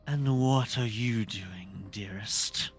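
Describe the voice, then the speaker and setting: A game master voicing a coolly condescending, commanding female dominatrix pixie in a tabletop game, speaking deliberately. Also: medium pitch, husky, soft background music, voice pushed down.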